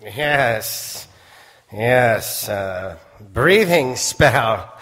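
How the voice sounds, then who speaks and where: An actor playing a macabre doctor who hosts and narrates old-time radio horror, in a theatrical, ominous manner. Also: male voice, mid-range voice, lively intonation, very slow, a bit bright. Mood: slyly courteous. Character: macabre, leisurely male doctor telling eerie tales. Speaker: host and narrator. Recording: echoey theater stage, organ music behind. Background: organ music.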